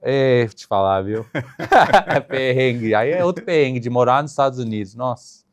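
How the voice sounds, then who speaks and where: A man's voice: medium pitch, normal speed. A young Brazilian man, a flight attendant guest, chatting casually and animatedly with frequent laughter. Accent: Brazilian Portuguese. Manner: animated storyteller, laughs often. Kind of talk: casual interview chat.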